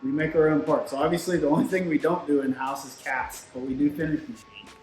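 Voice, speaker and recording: A man's voice: fairly high pitch, steady tone, fast, darkish tone. Man talking shop in an echoey room. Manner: conversational, explanatory. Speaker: turbo shop product expert and presenter. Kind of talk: casual technical shop talk. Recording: roomy echo, music, machinery behind. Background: shop machines running in the background.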